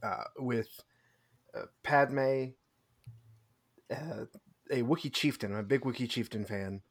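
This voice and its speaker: A man's voice: mid-range voice, slow. A man co-hosting a podcast, chatting casually and self-deprecatingly with frequent laughter. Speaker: podcast co-host. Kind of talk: casual chat recapping a tabletop tournament.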